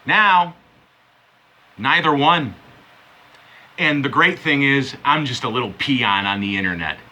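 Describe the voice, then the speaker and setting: Bright-voiced man on a profane rant. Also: mid-range voice, measured pace, low-quality recording. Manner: profane, sarcastic, confrontational. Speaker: vlogger. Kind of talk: angry rant to camera.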